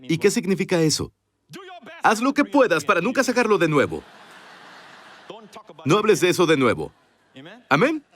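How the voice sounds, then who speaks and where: Man, dubbed sermon, emphatic preaching, rhetorical questions, somewhat high pitch, studio voice-over. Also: wildly swooping pitch, normal speed, long pauses, fairly bright tone.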